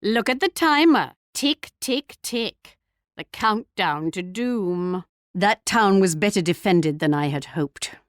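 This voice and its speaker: A woman's voice: medium pitch, animated, takes it slowly, dry recording, studio quality. Haughty, theatrically lilting queen. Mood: menacing, then rueful. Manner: regal, arch, theatrical, mocking. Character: haughty English queen leading her empire, taunting rivals. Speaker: video game character voice. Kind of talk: scripted strategy game taunts and announcements.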